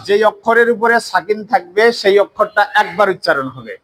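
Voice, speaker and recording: Sex: man. Role: Quran teacher. Pitch: high. Style: classroom recitation lesson, drilling sounds and answering his own questions. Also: expressive, moderate pace, a bit bright, low-quality recording. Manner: drills pronunciation, asks questions and answers them himself. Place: mosque classroom.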